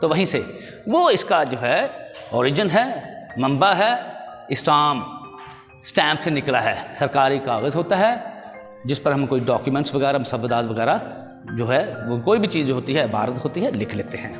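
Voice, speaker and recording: A man's voice: medium pitch, lively intonation, moderate pace, a bit bright, big-room sound, soft background music. A man teaching pronunciation, patiently correcting words, spelling out vowel marks and calling his viewers "children". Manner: addresses viewers fondly as children. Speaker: language teacher. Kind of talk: pronunciation lesson.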